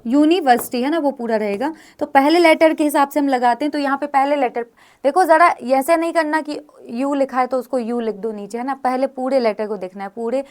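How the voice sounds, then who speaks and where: Speaking fairly quickly in a high voice, this Indian woman explains grammar rules one step at a time. She keeps checking in with her students, asking them questions frequently.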